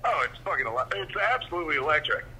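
A man's voice: on the high side, big pitch swings, very fast, a crowd in the background, rough recording. A man calling in and heard through a phone on speaker, chatting casually and swearing freely. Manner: laid-back, swears freely. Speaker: caller. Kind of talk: casual call-in chat.

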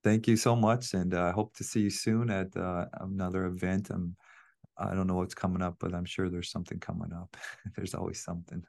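A man's voice: deep voice, level tone, a little fast, vocal fry, a little mellow. A man hosting a podcast, chatting casually with his guest and laughing often. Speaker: podcast host. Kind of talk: casual interview chat.

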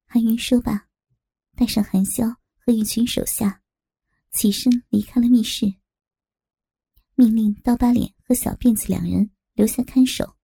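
A woman reads a crime story aloud with steady, dramatic pacing. Her voice sits somewhat high but is dark and mellow, with a gravelly edge and a touch of huskiness. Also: a little slow, pauses often. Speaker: narrator. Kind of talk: audiobook narration.

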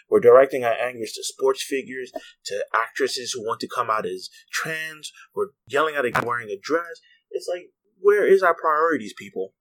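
A man's voice: mid-range voice, a bit bright, rough recording. A man hosting a podcast, delivering a heated, blunt political rant full of swearing and speaking straight to his listeners. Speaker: podcast host. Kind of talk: ranting political commentary.

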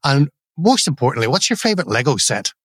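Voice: medium pitch, very animated, fast talker, no echo, studio quality. A podcast host, asking questions in a friendly, easygoing way. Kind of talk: casual interview chat.

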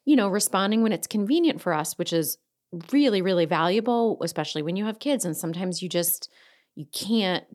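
A woman's voice: mid-range voice, expressive, a little fast, a little mellow. Casual woman with a Delco accent. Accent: Delco, Philadelphia area. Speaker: podcast co-host. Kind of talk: casual conversational chat.

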